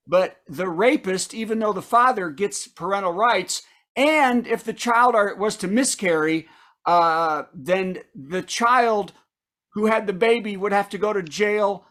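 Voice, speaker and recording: Comedy show host, mid-pitched voice, punchy late-night topical jokes, setup-and-punchline delivery with asides. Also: a bit bright. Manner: sets up news items then delivers punchlines, with asides to the audience.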